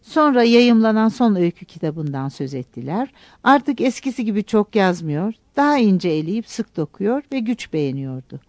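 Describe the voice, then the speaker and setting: Mellow-voiced woman narrating a novel. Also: mid-range voice, sing-song, moderate pace, dry recording. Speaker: audiobook narrator. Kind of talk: literary audiobook narration.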